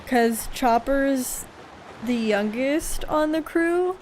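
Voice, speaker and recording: A woman's voice: on the high side, darkish tone, slight background noise. A young adult woman chatting casually while streaming a video game, rambling and often giggling. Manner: giggly, rambling, frequent laughs. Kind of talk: casual gameplay chat.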